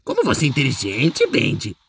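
Someone voicing Bendy, a gravelly, boastful ink demon. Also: mid-range voice, huge pitch swings, brisk, fairly bright tone, a little hiss or hum, heavily acted. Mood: playful. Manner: playful, boastful, exclaims often. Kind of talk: in-character gaming commentary.

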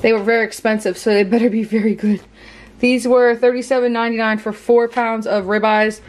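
A young Pennsylvania vlogger walks through her grocery haul in her home kitchen, speaking casually to a handheld camera at arm's length. Her voice is on the high side with a level, slightly dark tone and a somewhat fast pace, and she comes across as chatty, bubbly and teasing.

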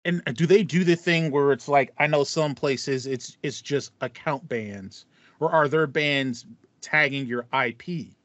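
A man with a fairly high, slightly bright voice chats unhurriedly as a gaming podcast host, sounding sympathetic yet mock-indignant. He's on a headset during a video call, indoors in a small room with acoustic foam. The dry recording has the slightly dull, lo-fi quality of an online call.

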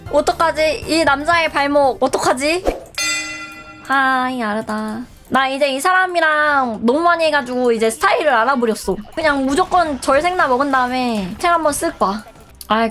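A woman's voice: sits high, a bit bright. A young woman streaming a game, chatting playfully and teasing her viewers and teammates. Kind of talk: live game streaming chat.

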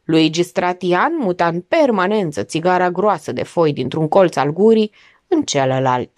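Lively woman reading a story aloud. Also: no room sound, clean studio sound. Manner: acts out characters with big pitch jumps. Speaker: audiobook reader. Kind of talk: expressive audiobook narration.

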